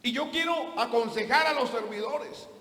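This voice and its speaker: High-voiced preaching pastor, echoey hall. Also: male voice, moderate pace, bright, forceful tone. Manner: preaching with emphatic rhetorical questions. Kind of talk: sermon.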